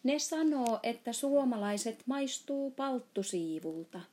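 A woman's voice: a little high, lively intonation, mellow, voice pushed up, close to an everyday voice. A woman voicing a big friendly male giant in a storybook reading, playfully mangling his words.

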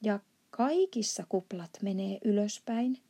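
Brief: woman reading a big kindly old giant, gravelly and husky, blustery storybook outbursts. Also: medium pitch, expressive. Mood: earnest. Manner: mangled grammar and made-up words, shouts in outbursts.

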